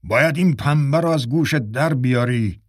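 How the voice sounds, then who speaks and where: A man's voice: mid-range voice, dry recording, clean studio sound, close to an everyday voice. A male narrator voicing a stern, irritable theatre director who scolds a late actor in a raised, commanding voice. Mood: angry.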